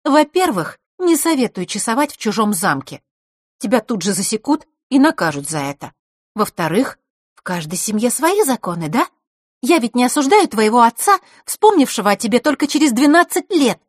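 A woman's voice: on the high side, very animated, normal speed, no echo, studio quality, voice pushed up. Woman doing a proud, bossy magic girl. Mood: lively. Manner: sharp, bossy, snorting retorts. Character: proud, hot-tempered girl of a magic family.

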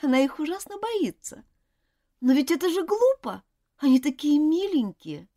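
A woman voicing a spoiled, willful little girl who whines and pleads in a high, swooping voice. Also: very animated, normal speed, warm tone. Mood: defiant. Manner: whiny and pleading.

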